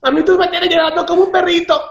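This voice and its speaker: A man putting on a whiny baby-voiced singer. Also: fairly quick. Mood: whiny singing. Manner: high, bleating, whining sing-song. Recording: dull, echoey room sound.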